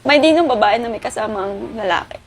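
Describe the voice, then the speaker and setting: This tearful personal account comes from a woman whose voice sits on the high side, with lively intonation and a slightly fast delivery. Near tears and emotional, she politely answers her interviewer, addressing her as ma'am, and there's a little hiss or hum in the background.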